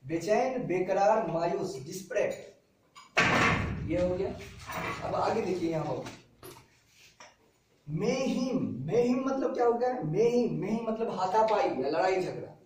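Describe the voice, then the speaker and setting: A man with a high voice teaches a class, repeating every word and meaning and drilling his students with questions. He is recorded from a distance in a very echoey classroom. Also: animated, a little slow, pauses often, noisy background. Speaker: vocabulary teacher.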